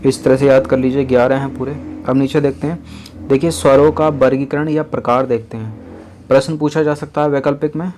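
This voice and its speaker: In a mid-range, somewhat dark voice, a man delivers an explanatory classroom lesson. He goes over each point slowly, repeating it, and counts the items out loud.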